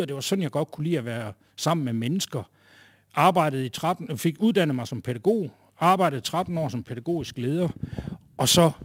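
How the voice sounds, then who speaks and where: A man's voice: a little high, husky, no echo, studio quality. A middle-aged man telling a wry, self-mocking story about his working life to a live audience.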